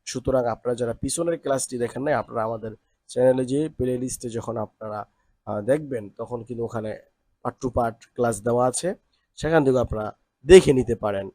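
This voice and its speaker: A man's voice: mid-range voice, mellow, no echo. Patient man teaching Quran reading. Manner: patient, repeats letter drills slowly, frequent "ah" fillers. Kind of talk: online lesson with slow drilled recitation.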